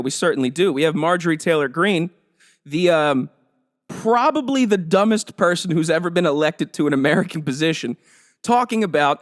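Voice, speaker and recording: A man hosting his own podcast, delivering a heated, profane and sarcastic comedic rant. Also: on the high side. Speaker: podcast host.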